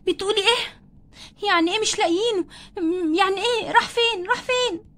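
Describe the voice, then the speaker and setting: A woman's voice: very high-pitched, quick pace, a bit bright. A woman with an Egyptian accent voicing an anxious young mother who frets over her missing baby in a doll play story. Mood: panicked. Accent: Egyptian Arabic. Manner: worried, pleading.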